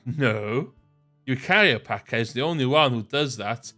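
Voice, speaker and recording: A man's voice: medium pitch, animated, normal speed, bright, forceful tone, faint music behind. A man with a North Wales accent reading a visual novel aloud, mixing in casual, jokey banter. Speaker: gaming video host.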